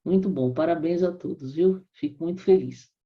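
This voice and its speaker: A woman's voice: fairly low pitch, normal speed. A woman professor taking part in an online webinar, praising colleagues with frequent tag questions. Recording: dull lo-fi video call audio.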